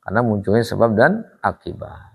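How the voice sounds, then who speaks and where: A man teaching Quran recitation rules, drilling his students with repeated questions in a slow, patient way. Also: fairly low pitch, sing-song, creaky, darkish tone, husky. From Indonesia. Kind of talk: tajwid lesson. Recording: echoey hall reverb.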